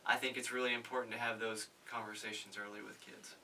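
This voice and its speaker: Bright-voiced man, slightly off-mic. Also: lowish voice, flat delivery, far from the mic, slight background noise, poor audio. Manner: earnest, measured, with frequent fillers. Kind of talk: casual panel discussion.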